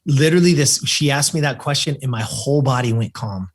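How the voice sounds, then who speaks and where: A man's mid-range voice moves briskly as he tells a personal story on a podcast where he's a guest. He's from California, in his 50s, repeats things emphatically, and animatedly acts out the people he quotes.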